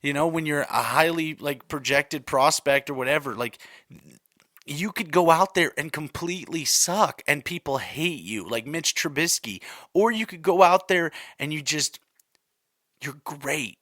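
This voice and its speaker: A man's voice: a little high, expressive, unhurried, sharp tone, dry recording, clean studio sound. A man in his thirties hosting a solo podcast, talking casually and rambling with many fillers and repeats. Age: 30s. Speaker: podcast host.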